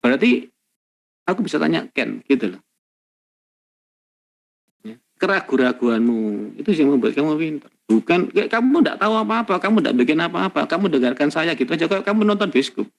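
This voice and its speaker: A man's voice: fairly high pitch, very animated, a little fast, vocal fry. A man giving a university lecture, emphatic and repetitive, with many rhetorical tag questions. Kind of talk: classroom lecture.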